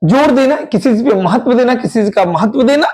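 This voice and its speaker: A man's voice: very high voice, animated, fairly quick, a little mellow, rough recording. A man teaching an exam-prep English grammar lesson, drawing out his explanations and asking his students repeated questions.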